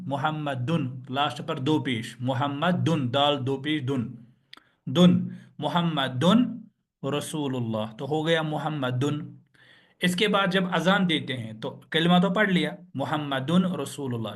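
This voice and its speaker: A man's voice: on the high side, fairly bright tone. A man teaching an online Arabic grammar lesson, patiently drilling word endings and asking the class questions he answers himself. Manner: slow, patient, repeats and drills words.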